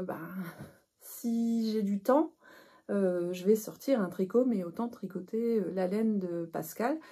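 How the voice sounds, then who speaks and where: Knitting podcast lady chatting away, lots of euhs, soft husky voice, super mellow. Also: medium pitch. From northern France. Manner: chatty, many hesitations and restarts. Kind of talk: casual chat to camera.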